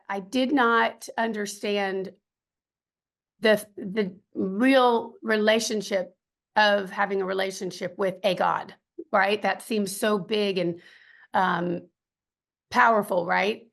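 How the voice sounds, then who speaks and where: A middle-aged woman appears as a podcast guest, earnestly telling her personal story with strong faith. Her mid-range voice is raspy and a bit bright, with many ums and some throat clearing.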